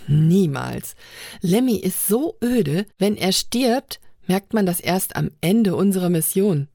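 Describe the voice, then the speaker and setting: A sharp-tongued young woman aboard a starship, pitched up and teasing, as a woman reads her in a storybook. The sound is dry and close. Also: animated, takes it slowly, creaky, no room sound, heavily acted. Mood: mocking.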